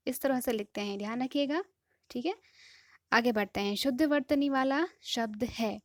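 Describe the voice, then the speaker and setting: A woman teaching an exam-prep lesson in a patient way, often pausing to check that students follow. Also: a little high, no room sound, studio quality. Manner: patient, repeats "ठीक है" to check understanding. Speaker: Hindi teacher.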